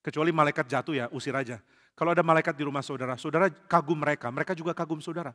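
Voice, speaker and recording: A man preaching a lively sermon to a congregation as pastor, acting out little dialogues and jokes. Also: on the high side, rapid-fire. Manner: animated, acts out quotes and jokes with the congregation. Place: large church hall. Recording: church hall reverb.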